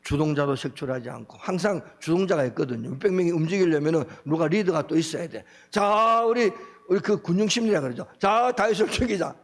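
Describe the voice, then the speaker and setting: A man preaching a sermon as pastor, with a Gyeongsang accent, acting out quoted speech with big swings of pitch. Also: a little fast. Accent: Gyeongsang Korean.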